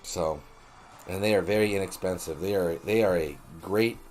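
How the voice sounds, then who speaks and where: This late-night game streamer has a low, slightly mellow voice and speaks at a normal speed, with some light background noise. His chat is loose and profane, full of jokes aimed at viewers he treats like buddies.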